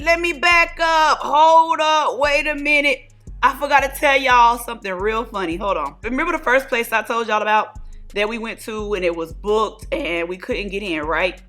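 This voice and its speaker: Lady chatting thru her makeup routine, lively storyteller, bright voice. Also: mid-range voice. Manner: chatty, animated storyteller, addresses viewers as y'all and honey. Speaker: beauty vlogger. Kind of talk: casual storytime while doing makeup.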